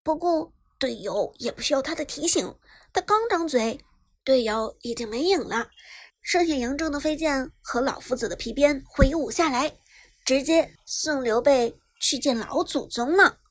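High-voiced woman narrating a web novel. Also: animated, normal speed. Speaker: audiobook narrator. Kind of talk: scripted narration.

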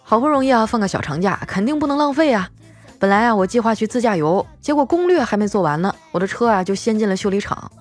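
Woman host doing funny stories, very lively up and down voice, little chuckles, soft music behind. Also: medium pitch, fast talker. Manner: lively, playful, chuckling between jokes. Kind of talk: scripted comic storytelling.

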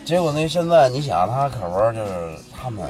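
A male music show host with a Beijing accent and a very lively, swinging delivery. He tells stories in joking street slang, often repeating himself as he goes. Music plays along with his voice. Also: medium pitch, brisk. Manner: slangy, joking storyteller with hesitant, repeated phrasing. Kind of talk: casual chat about rock records.

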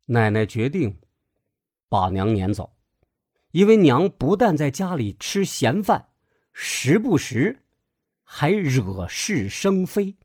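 A man giving a scripted narration of a story in a measured, expressive way. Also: a little high, no room sound. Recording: dry close voice over faint music.

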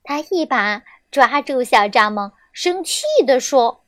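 A young woman reading a children's story aloud, gentle and expressive, on a close mic. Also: on the high side, slow, no room sound.

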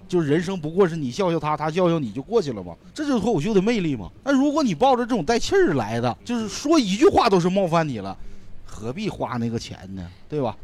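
A man's voice: on the high side, a little mellow. A man, co-hosting a casual chat in a brash, teasing way and laughing through his punchlines. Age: 40s. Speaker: comedian and co-host.

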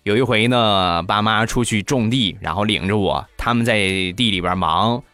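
A man's voice: on the low side, normal speed, no room sound, soft background music. Man telling funny stories, dry close sound. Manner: animated, acts out each character. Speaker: comedy podcast host. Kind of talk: comic storytelling.

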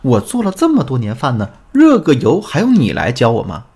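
A man's voice: medium pitch, wildly swooping pitch, brisk, a little mellow, slightly rough, voice pushed up, heavily acted. A man voicing a short-tempered husband who snaps back with scorn. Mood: irritated. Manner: snappish, scornful.

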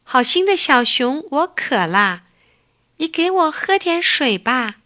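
A woman's voice: high voice, sing-song, takes it slowly, pushed and bright, voice pushed up, full character voice. A woman voicing a small, thirsty bird who pleads and chirps in a children's storybook. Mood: pleading.

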